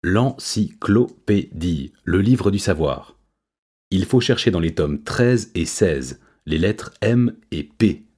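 A man voicing an excitable, bookish male cat who exclaims and trips over long words. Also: lowish voice, moderate pace, breathy edge. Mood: excited.

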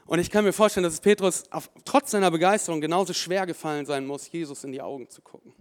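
A fairly high-voiced man preaching with lively emphasis. He acts out the thoughts of the people in the story. His voice rings with a long reverb, as in a church hall. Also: fast. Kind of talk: sermon.

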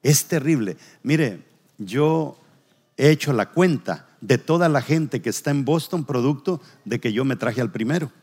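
Man, pastor, sermon, storytelling with acted-out voices, medium pitch, long church reverb. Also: measured pace, husky. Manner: acts out characters' lines in a lively storytelling voice.

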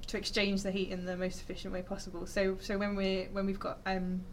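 A woman's voice: mid-range voice, completely flat delivery, a little fast, slight background noise. A woman, a scientist, explaining physics informally to listeners, chatty and enthusiastic, with lots of fillers and restarts. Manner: chatty and enthusiastic, full of fillers and self-corrections.

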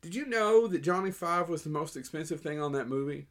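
A man's voice: on the high side, animated, fairly quick, a bit bright. A man co-hosting a podcast, chatting casually in a joking, offhand way. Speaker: podcast co-host. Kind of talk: casual chat.

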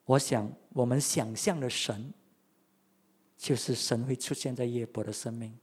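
Husky, animated preacher. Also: mid-range voice, a little slow. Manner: animated storytelling with rhetorical questions. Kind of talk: sermon.

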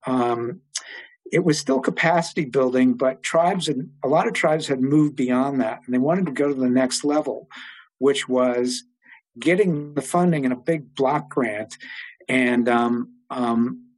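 Husky older man telling stories. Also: medium pitch, measured pace, low-quality recording. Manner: rambling, many fillers and restarts. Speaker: interview guest. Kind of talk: oral history storytelling.

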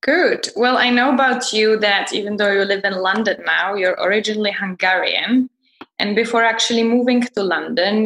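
A woman's voice: mid-range voice, a bit bright. A woman moderating a podcast interview, with polite, formal phrasing. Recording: roomy, faint music behind.

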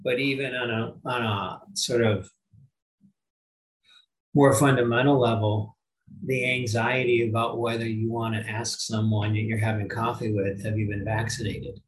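A man's voice: lowish voice, flat delivery, normal speed, low-quality recording. A middle-aged man hosting a podcast, talking in a reflective, anecdotal way. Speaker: podcast host. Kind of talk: casual interview conversation.

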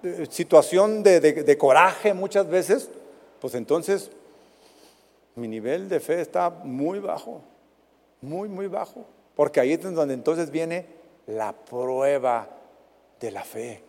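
A man with a Mexican Spanish accent preaching a sermon, swinging between loud dramatic rises and quiet fading endings. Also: fairly high pitch, animated, slow, creaky, long pauses. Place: church hall. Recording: reverberant hall recording.

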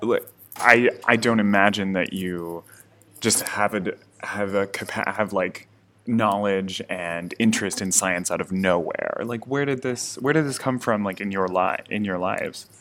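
A man's voice: lowish voice, a little slow. A man interviewing a group in a casual, conversational way. He thinks aloud and often hums to show he is listening. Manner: relaxed, thinks aloud, frequent hums of acknowledgment.

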